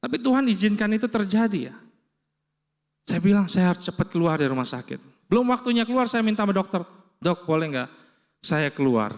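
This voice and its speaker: In a church hall with a big-room sound, a man preaches while telling a personal story, acting out other people's voices as he quotes them. He's an adult with children, and his high voice is expressive and fast.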